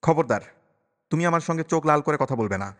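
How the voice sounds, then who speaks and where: A man voicing a harsh, bitter young mother who snaps back with sharp, fast retorts. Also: a little high, clean tone, pitched above the performer's own voice, lightly acted. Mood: bitter angry. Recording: long reverberant echo.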